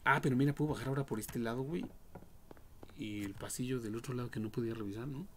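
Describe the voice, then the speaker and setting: A young man with a Mexican accent streams a horror game, giving fast, profane, slangy live reactions in a mid-range voice. His home livestream microphone picks up a lot of noise.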